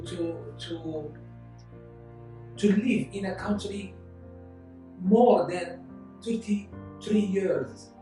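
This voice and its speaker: A man, speaking hesitantly in halting conversational English and repeating words as he searches for them. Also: sits high. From Morocco. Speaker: interviewee. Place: indoor room with large windows. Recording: distant echoey room with guitar music.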